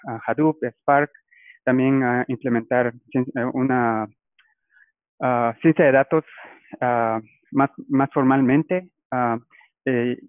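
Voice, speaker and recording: A man's voice: mid-range voice, steady tone, slow, pauses often, clean tone, no room sound. A man from Guatemala, a guest explaining his career in a casual interview. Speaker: guest, data scientist. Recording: tinny phone-like line, dry.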